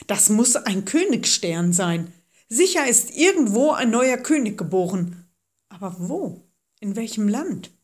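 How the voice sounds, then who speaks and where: A woman voicing a group of eager male stargazers in a storybook reading, with an excited manner. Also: a little high, a little slow. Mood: amazed.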